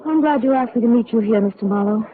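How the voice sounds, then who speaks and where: Actress doing wistful genteel wife, earnest, halting, old radio drama, tinny with some hiss. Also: female voice, fairly high pitch, close to an everyday voice. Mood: pleading, sad. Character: wistful, lovelorn, genteel married woman. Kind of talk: 1940s radio melodrama acting.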